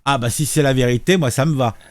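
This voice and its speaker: A man's voice: medium pitch, fast talker. A man giving casual reaction commentary, sarcastic and mocking, hesitating with many fillers. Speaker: political commentary youtuber.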